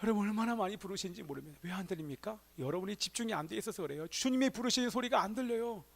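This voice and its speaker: A male pastor with a high-pitched voice preaches a Sunday sermon in a church sanctuary. He keeps asking the congregation rhetorical questions. His delivery swings from emphatic, raised exclamations to soft, hushed asides. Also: expressive, very fast, creaky.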